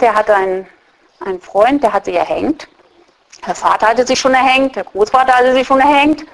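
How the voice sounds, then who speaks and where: A middle-aged woman telling a personal faith story in a lively way, often voicing her own thoughts. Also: a little high, low-quality recording. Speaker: testimony speaker.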